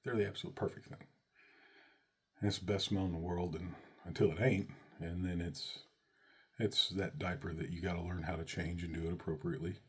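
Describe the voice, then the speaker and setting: Man, very low husky voice, animated fatherhood story, jumps high on exclamations. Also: brisk. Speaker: father telling a personal story. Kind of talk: personal storytelling to camera.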